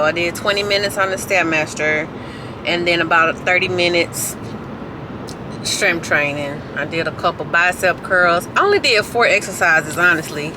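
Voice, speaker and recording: A young woman vlogging about fitness, talking casually to the camera from a car in a relaxed, chatty way with plenty of fillers. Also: on the low side. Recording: traffic noise from outside.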